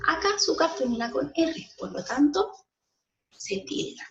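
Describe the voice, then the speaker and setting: A woman teacher with a Chilean Spanish accent explaining a school lesson to children, slowly stressing syllables and often checking in with them. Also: sits high, very animated, a bit bright, distant mic. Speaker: primary school language teacher. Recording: muffled sound, voice a bit off-mic.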